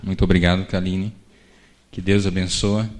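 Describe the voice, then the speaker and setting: A man's voice: low voice, flat delivery, normal speed, a little mellow, a little hiss or hum. A man in church thanking the young preacher with a brief blessing. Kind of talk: brief closing words.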